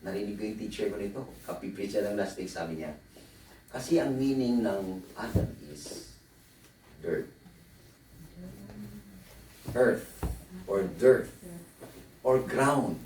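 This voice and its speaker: A male pastor delivering a humorous sermon, switching between Tagalog and English with animated storytelling asides. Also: lowish voice, normal speed, a little hiss or hum. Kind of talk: sermon at a Bible conference. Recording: echoey hall, distant mic, faint ambience.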